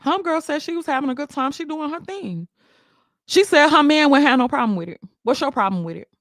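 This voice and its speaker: A woman's voice: sits high, animated, brisk, dry recording, studio quality. A woman, hosting a casual commentary stream, sassy and laughing, firing off emphatic rhetorical questions.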